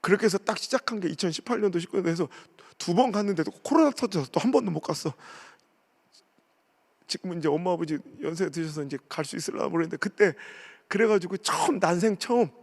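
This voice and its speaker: A man in his forties, a pastor preaching a revival sermon, telling family stories in a lively way and acting out the voices of his relatives. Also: sits high, quick pace. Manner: animated storytelling, acting out family members' voices.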